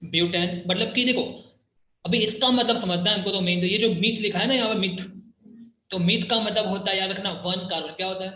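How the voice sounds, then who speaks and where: A man's voice: high voice, fairly even intonation, fairly quick, bright, forceful tone. A male chemistry teacher lecturing a class, drilling students with repeated questions and mixing Hindi with English. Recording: echoey room, dull lo-fi sound.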